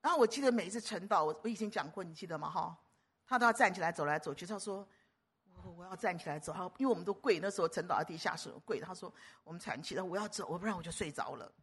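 A woman preacher delivering a sermon, emphatic and animated, often stumbling and repeating words. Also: on the low side, fast talker, husky.

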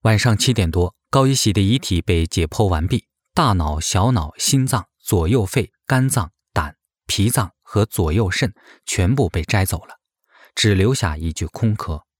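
A man's voice: low-pitched, expressive, moderate pace, dry recording, studio quality. A man reading a grave, scripted investigative narration, posing suspicious questions.

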